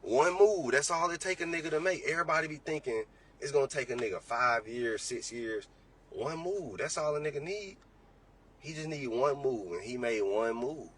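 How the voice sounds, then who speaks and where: A man's voice: mid-range voice, lively intonation, normal speed, fairly bright tone. Blunt profane young man, mic set back. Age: 20s. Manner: blunt, profane, preachy motivational rant. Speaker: trading educator guest. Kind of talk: casual podcast talk. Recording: distant mic with faint background noise.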